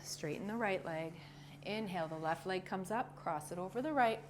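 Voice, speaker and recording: A woman leading a yoga class with short, calm cues in a gentle, encouraging, informal way. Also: fairly low pitch, moderate pace. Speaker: yoga instructor. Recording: clearly noisy ambient background.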